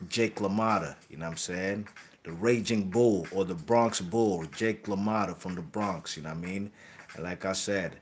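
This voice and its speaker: A man's voice: low voice, slight background noise. A man hosting a boxing channel, talking casually about boxing history in a rambling way, correcting himself and tagging lines with "you know what I mean".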